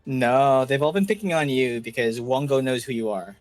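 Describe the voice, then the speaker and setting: A man's voice: medium pitch, normal speed, dry recording. A man narrating a tabletop game casually as game master. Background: faint music.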